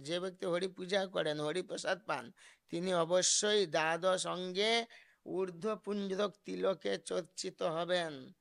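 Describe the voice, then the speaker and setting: A man with a Bengali accent preaches a devotional sermon, explaining a question point by point. His voice sits high and has a gravelly edge. He slows into a chant when he quotes scripture verses. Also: a bit bright. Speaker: religious teacher answering a question.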